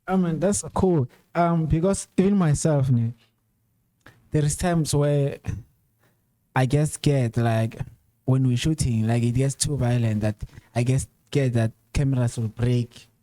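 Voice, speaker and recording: A man's voice: mid-range voice, measured pace, warm tone, dry recording. A man hosting a casual chat show, asking questions in an easygoing, conversational way with plenty of fillers. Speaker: host.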